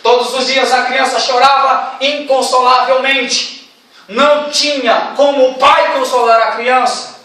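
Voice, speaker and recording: A man with a Brazilian accent preaching a storytelling sermon, dramatic and rising to shouts. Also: very high voice, flat delivery, a little slow. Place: large church hall. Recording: echoey church hall, distant mic.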